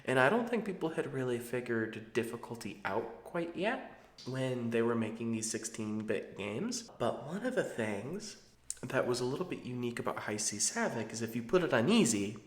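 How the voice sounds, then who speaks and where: A man's voice: mid-range voice, very animated, moderate pace. Male vlogger, thirties, rambling conversational commentary, noticeably echoey recording. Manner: digressive, conversational. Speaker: video channel host. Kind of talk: casual, rambling retro game commentary. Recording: roomy, echoing sound.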